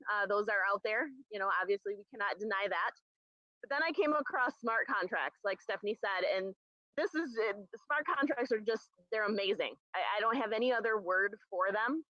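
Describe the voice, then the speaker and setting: A woman's voice: on the high side, no echo. A middle-aged woman presenting as a guest on a live online call, explaining in a conversational way with frequent ums and restarts, heard over a poor internet connection. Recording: muffled lo-fi online call audio.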